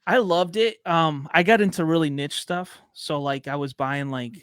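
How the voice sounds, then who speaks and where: On a casual podcast, a Chicago man in his thirties chats as a guest and tells stories in relaxed slang. His voice is a little high, and he speaks at a moderate pace.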